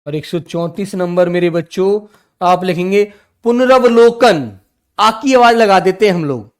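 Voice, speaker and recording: A man teaching an online spelling class, dictating words slowly and repeating each one, calling his students his children. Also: high voice, clean tone. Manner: calls students "बेटा" and "मेरे बच्चों".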